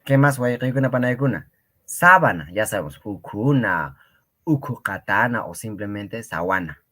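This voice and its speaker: A man's voice: fairly low pitch, expressive, moderate pace, bright, forceful tone. A man teaching a Quechua class online, patiently repeating and explaining words for his students, with a Peruvian Spanish accent.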